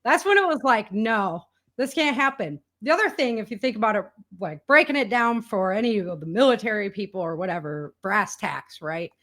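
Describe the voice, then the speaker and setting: With lively intonation and a slightly bright medium-pitched voice at normal speed, a woman talks as an interview guest. She's an author and podcaster focused on survival prepping, and in this casual, spontaneous chat she's emphatic and colloquial, quoting other people in their voices.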